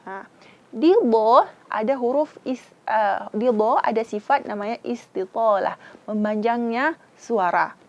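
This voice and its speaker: A woman's voice: a little high, measured pace, darkish tone, highs cut off. A woman from Indonesia with an Acehnese accent, teaching Quran recitation and patiently sounding out each syllable. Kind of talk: slow, careful tajwid instruction.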